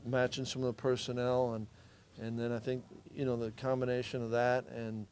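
Middle-aged male coach, flat delivery, mellow tone, postgame presser answers. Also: medium pitch, normal speed, a little hiss or hum. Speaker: head football coach.

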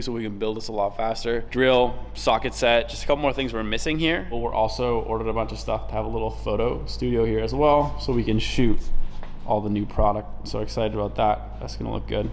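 A man's voice: medium pitch, a little mellow, slight background noise. A young man from Canada, a business owner, vlogging casually and upbeat from a large warehouse on a handheld camera mic. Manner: casual, upbeat, swears now and then. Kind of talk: casual vlog.

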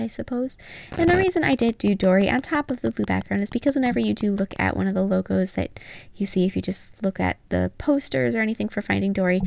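A woman's voice: medium pitch, gravelly, darkish tone, no room sound. A young woman giving casual, step-by-step tutorial narration as the host. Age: young adult. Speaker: nail art tutorial host.

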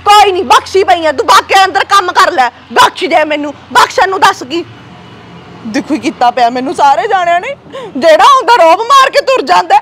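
A woman's voice: very high-pitched, expressive, brisk, a bit bright, slight background noise. A woman playing a sobbing, quarrelsome married sister. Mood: angry. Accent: Punjabi. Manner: wailing, quarrelsome. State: crying. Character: tearful married sister fighting her sister-in-law. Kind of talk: Punjabi web-series acting.

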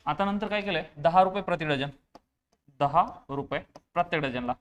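A man's voice: on the high side, moderate pace, clean tone. A man teaching an online math lesson, explaining patiently step by step. He repeats key phrases and asks questions that he then answers himself. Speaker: exam-prep teacher.

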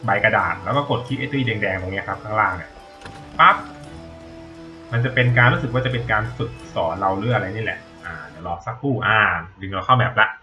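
A man's voice: on the low side, fast, sharp tone, highs cut off, faint music behind. A man giving casual, rambling gameplay commentary as a tutorial streamer, thinking aloud and swearing now and then.

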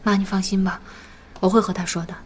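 An actress playing a gentle, resigned young woman in a TV drama. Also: mid-range voice, fairly even intonation, quick pace, slight background noise, lightly acted. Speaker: daughter. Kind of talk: TV drama acting.

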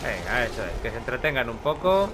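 A man giving chatty, excitable gameplay commentary with casual swearing. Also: mid-range voice, brisk, background noise. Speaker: gaming video host.

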